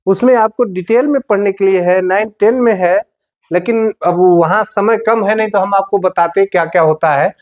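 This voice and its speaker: A man with a high voice teaches a grammar lesson for exam students. He explains patiently and repeats key words. He speaks straight to his class. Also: darkish tone.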